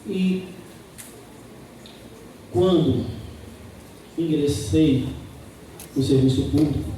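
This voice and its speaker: A man's voice: mid-range voice, dark tone, a little hiss or hum. A man from Salvador, giving an earnest, emphatic opening statement as a candidate in a campus debate, repeating his key phrases. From Salvador, Brazil. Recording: echoey room, voice picked up from far off.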